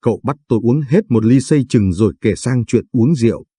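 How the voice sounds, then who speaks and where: A man reading literary short stories aloud in a slow, measured narration style. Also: mid-range voice, expressive, dark tone, slightly rough, no room sound, studio quality. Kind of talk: scripted story narration.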